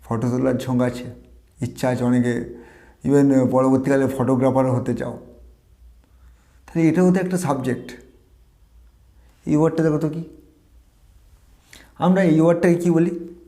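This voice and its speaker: A man's voice: mid-range voice, fairly even intonation, moderate pace, long pauses, dark tone. A man whose first language is Bengali, teaching English pronunciation to viewers, breaking words into syllables and asking questions.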